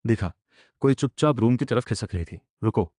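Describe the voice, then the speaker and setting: A man's voice: mid-range voice, animated, normal speed, warm tone, no room sound, clean studio sound. A man narrating a comic story in the first person, retelling it with emotion.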